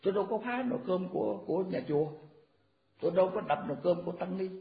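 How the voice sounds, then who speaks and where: Elderly monk in his 80s, fairly high voice, folksy repetitive teaching, echoey muffled recording. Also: animated, quick pace, vocal fry. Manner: folksy, repetitive, rattles off verse formulas. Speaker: Buddhist monk. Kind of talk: informal dharma talk.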